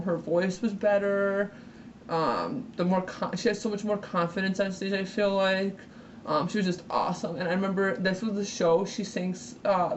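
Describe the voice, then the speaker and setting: A woman in her twenties, a new YouTuber, chatting excitedly in a casual fan vlog and filling her talk with "like". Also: fairly low pitch. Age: 20s. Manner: gushing, excitable, filler-heavy ("like"). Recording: dull, distant audio with faint hiss.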